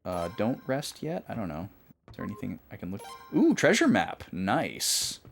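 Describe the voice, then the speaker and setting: A man's voice: lowish voice, wildly swooping pitch, moderate pace, creaky, soft background music. A man streaming a video game, thinking aloud and joking as he takes notes. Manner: thinking aloud, jokey, note-taking. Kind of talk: casual gameplay commentary.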